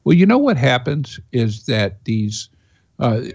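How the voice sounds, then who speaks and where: A man's voice: medium pitch, big pitch swings, measured pace, darkish tone, breathy edge, no echo, lo-fi sound. A man hosting a talk radio show, rambling opinions and chatting with callers, full of fillers and restarts. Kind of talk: talk radio commentary and call-in chat.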